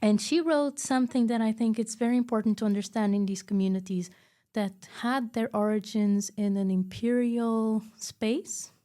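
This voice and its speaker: A woman's voice: a little high, warm tone. A woman from Macau, a heritage researcher, talking thoughtfully in an interview and searching for her words. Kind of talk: reflective interview talk.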